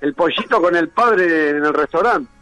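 A man's voice: on the high side, moderate pace, pushed and bright, faint music behind, poor audio. A man with a Rioplatense Spanish accent telling one joke after another on a radio show, laughing at his own punchlines. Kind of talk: rapid-fire joke telling.

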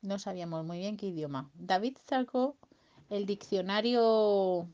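A woman's voice: medium pitch, unhurried, a little mellow, clean tone. A woman improvises a bedtime story for a child, full of playful sound effects and silly sung bits. The recording is dull and lo-fi, like a home device.

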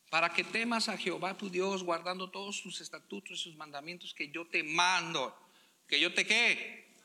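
A male pastor preaching a sermon, stressing words slowly and acting out quotes. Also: fairly high pitch, pushed and bright, in a large hall. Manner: preaching with slow emphatic stresses and acted-out quotes.

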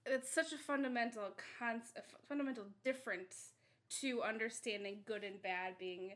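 Woman podcast cohost, kinda high voice, laughs a lot, rambly casual chat. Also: fairly even intonation, moderate pace, fairly bright tone. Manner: giggly, chatty, lots of fillers. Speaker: podcast co-host.

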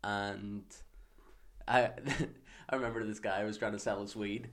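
Low-voiced Northern Irish man chatting. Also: flat delivery, measured pace, fairly bright tone. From Northern Ireland. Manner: rambling, laughs often, hesitant fillers. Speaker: podcast co-host. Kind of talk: casual chat.

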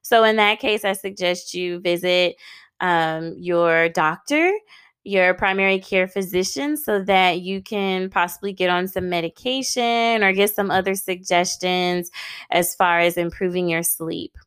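A woman's voice: fairly low pitch, measured pace, fairly bright tone, clean tone, no room sound. An American woman in her thirties hosting a solo advice podcast, speaking conversationally in an encouraging, emphatic and plain-spoken way. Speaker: podcast host and licensed counselor.

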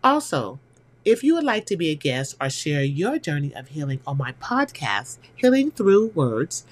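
A woman's voice: sits low, big pitch swings, moderate pace. A woman hosting a podcast, delivering a scripted inspirational monologue in an earnest, emphatic way, speaking directly to the listener. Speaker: podcast host and counselor.

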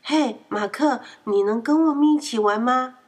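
A proud, quick-tempered little boy from a children's storybook, put on by a woman narrator. The voice sits well above her own and carries a very breathy, husky texture. He turns loud and shrill whenever he is upset. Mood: childlike. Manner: excitable, shouts when upset. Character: quarrelsome proud young boy.

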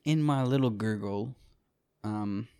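A man's voice: fairly low pitch, slow, darkish tone, clear, resonant tone. A man co-hosting a film review podcast in casual chat, riffing on jokes and laughing easily. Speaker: podcast co-host.

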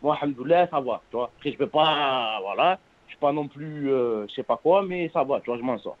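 A man in his twenties with a French suburban accent calls in by phone, chatting in street slang in an earnest, halting way, repeating oaths and words. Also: mid-range voice, animated. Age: 20s. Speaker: phone-in caller. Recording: narrow, tinny phone-line sound.

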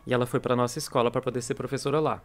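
Fast-talking Brazilian man telling stories. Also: mid-range voice. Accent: Brazilian Portuguese. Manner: animated storyteller, acts out quoted dialogue. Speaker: English teacher and school coordinator. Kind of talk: casual podcast chat.

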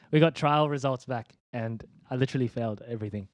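A man's voice: mid-range voice, moderate pace, no room sound, clean studio sound. A young man giving a personal faith testimony in an interview, laid-back and slangy, with many ums and restarts. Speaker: interview guest, church leader.

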